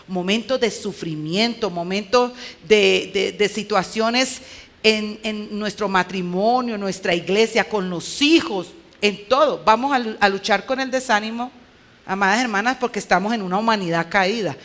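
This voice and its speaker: With a medium pitch and a somewhat bright sound, a woman speaking Spanish with a Colombian accent preaches at a moderate pace. She is a women's conference speaker whose conversational style is clipped and emphatic, full of rhetorical questions aimed at the listeners.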